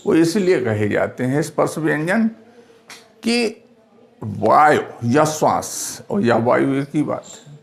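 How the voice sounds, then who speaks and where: A man teaching a classroom lesson, speaking slowly and spelling out sounds one by one, asking questions and answering them himself. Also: medium pitch, lively intonation, vocal fry.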